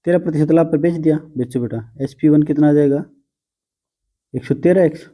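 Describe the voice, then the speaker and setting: Guy teaching math to students, calls em beta, teases a bit, deep dark kinda husky voice. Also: fairly quick. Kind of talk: blackboard math lesson.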